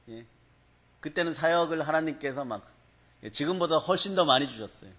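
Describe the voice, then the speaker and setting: A man's voice: fairly high pitch, pushed and bright. A male pastor preaching a revival sermon, telling stories and often prompting the congregation for a response. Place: prayer hall.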